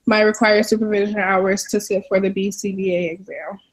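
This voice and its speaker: A woman's voice: medium pitch, level tone, brisk, low-quality recording. A woman in her twenties opening a class presentation and introducing herself matter-of-factly on a video call. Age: 20s. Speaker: student presenter. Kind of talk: self-introduction.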